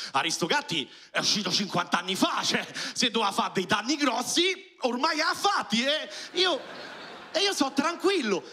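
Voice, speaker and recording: Uomo acuto e squillante con romano. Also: male voice, high-pitched. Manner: animated, shouts punchlines, acts out quoted voices. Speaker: stand-up comedian. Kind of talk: stand-up comedy routine. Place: comedy club stage with live audience.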